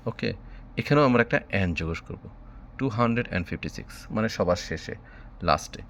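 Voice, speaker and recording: A man's voice: on the low side, expressive, fast, fairly bright tone, slight background noise. A man from Bangladesh teaching a math lesson online, patiently spelling out number words letter by letter.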